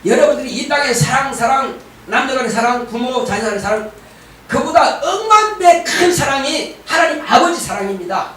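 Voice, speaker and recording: A man's voice: extremely high pitch, expressive, normal speed, sharp tone, a little hiss or hum. A middle-aged man preaching a sermon as pastor, emphatic and calling for responses from the congregation. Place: church sanctuary. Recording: very echoey church hall, distant mic.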